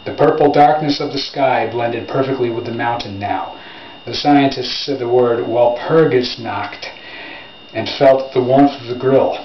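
A man reading his own short story aloud in a measured, plain way. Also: mid-range voice, a little hiss or hum. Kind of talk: unhurried literary reading. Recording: roomy, dull lo-fi home recording.

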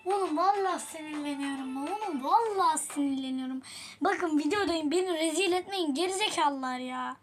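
A woman with a high voice talks her viewers through a mobile game match in loose, slangy chatter. She is excitable, bursting into shouts at opponents and then muttering apologies. Loud game music plays behind her. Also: moderate pace. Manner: excitable, swings between yelling at opponents and quiet apologies; casual slangy talk to viewers. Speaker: gaming YouTuber. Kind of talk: live gameplay commentary.

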